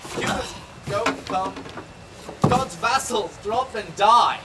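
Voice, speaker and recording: A man playing a blustering comic soldier in exaggerated, drawn-out Shakespearean olde speech on stage. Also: high-pitched. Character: blustering, pleading comic old-time soldier. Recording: distant, very noisy outdoor stage recording.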